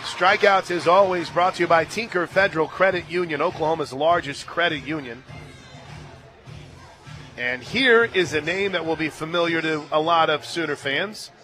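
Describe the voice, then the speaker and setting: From a radio broadcast booth at a ballpark, an American play-by-play announcer delivers live sports commentary, with faint music behind him. He talks at normal speed, chatting conversationally between pitches, and his animated calls swell to shouts on big plays.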